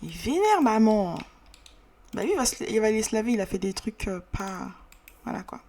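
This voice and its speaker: A woman talks her way through a playthrough in a relaxed, slangy manner. Her voice sits at an ordinary middle pitch, and she fills pauses with hesitations as she goes. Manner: slangy, chatty, many fillers. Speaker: game narrator. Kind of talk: casual let's-play narration.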